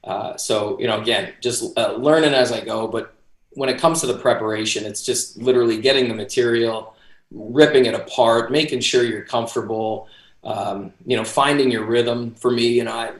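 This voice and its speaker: A man's voice: mid-range voice, steady tone, moderate pace. Male interview guest, forties, conversational, mid-range voice, roomy video-call sound. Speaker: interview guest, boxing ring announcer. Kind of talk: casual interview chat. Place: small home office, indoors. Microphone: video call, computer mic at desk distance.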